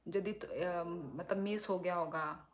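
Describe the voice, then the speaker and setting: Young woman, from Tripura, blunt scolding-like tone, unhurried livestream chat. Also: on the low side. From Tripura, India. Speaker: livestream host. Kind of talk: casual livestream chat reading comments.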